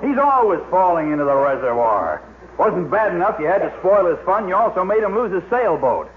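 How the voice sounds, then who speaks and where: A man's voice: high voice, very animated, brisk. An actor playing a pompous, indignant, blustering rich father in a 1950s radio comedy. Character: pompous, indignant wealthy father, easily outraged. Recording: noisy, echoey vintage radio, phone-like band.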